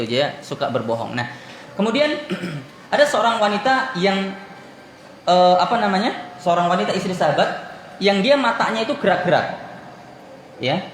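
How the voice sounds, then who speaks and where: A high-pitched man teaches a religious lesson in a roomy, echoing hall with faint noise behind him. He poses questions to his listeners and answers them himself. He tells anecdotes with a chuckle. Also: fairly bright tone. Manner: anecdotal with light laughter. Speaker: Islamic teacher. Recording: echoey room with faint background noise.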